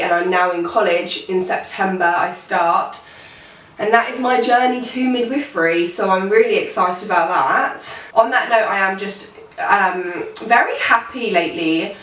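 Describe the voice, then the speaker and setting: A woman's voice: medium pitch, fairly bright tone, distant mic. Pregnant teen woman, rambling casual chat, echoey room, mic set back. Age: teens. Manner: rambling, chatty, many fillers. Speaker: vlogger.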